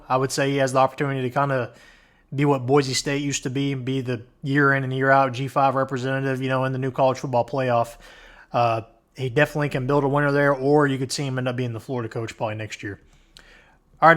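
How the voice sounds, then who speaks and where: A man's voice: medium pitch, a bit bright. Man with a fading voice ranking coaches. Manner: casual, opens each item with "all right". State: losing his voice. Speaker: host. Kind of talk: college football countdown commentary.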